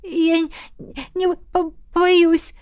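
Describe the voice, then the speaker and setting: A woman reading an audiobook, voicing a flustered young heroine who protests in a squeaky, shrill voice. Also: animated, moderate pace, no room sound, clean studio sound. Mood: frightened.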